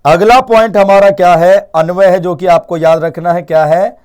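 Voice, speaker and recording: A young man leads a live online Hindi grammar class with lively energy, quizzing students through repeated questions and mixing English words into his speech. His voice is high-pitched and smooth at a moderate pace.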